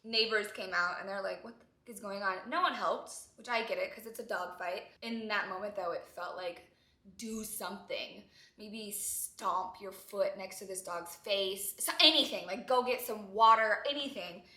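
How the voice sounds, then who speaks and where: A young woman vlogger telling an emotional story, tearful and animated as she talks. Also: mid-range voice, normal speed, roomy sound.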